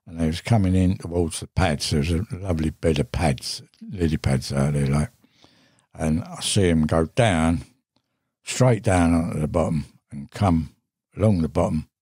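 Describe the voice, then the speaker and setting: Gravel-low older man spinning yarns. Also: measured pace, mellow, no echo, clean studio sound. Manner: rambling, salty, full of swearing and fillers. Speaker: podcast guest, veteran angler. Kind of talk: casual anecdotal storytelling. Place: podcast studio.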